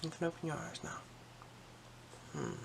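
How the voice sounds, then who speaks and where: The speaker is an ASMR performer in the role of an eye examiner, calmly and reassuringly giving instructions without hurry, using a breathy whisper and soft speaking voice. Her medium pitch swings hugely, against a noisy background.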